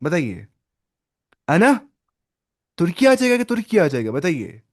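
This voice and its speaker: A man with a fairly high voice leads an online language class. He explains each point step by step and slips English words into his teaching. He often stops to quiz his students by name. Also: huge pitch swings. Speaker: Arabic teacher.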